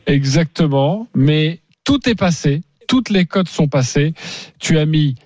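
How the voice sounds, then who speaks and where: A man's voice: on the high side, expressive, takes it slowly, a little mellow, dry recording, clean studio sound. A man hosting a radio show in casual chat, talking with lots of fillers. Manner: chatty, hesitant with many fillers. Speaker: radio sports betting show host.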